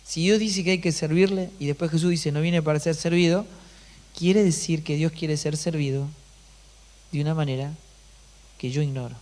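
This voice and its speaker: Preaching man with a higher voice. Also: fairly even intonation, normal speed, darkish tone. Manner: rhetorical questions to the congregation, emphatic. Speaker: pastor. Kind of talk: sermon.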